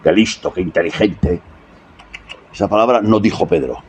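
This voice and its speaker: A man's voice: low-pitched, normal speed, a little mellow, slight background noise. A man preaching a sermon, often asking the congregation rhetorical questions.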